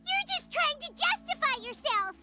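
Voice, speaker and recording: A woman voicing a tiny, excitable, loyal girlish fairy in a game, with a squeaky childlike voice. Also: moderate pace, over loud music. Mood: indignant.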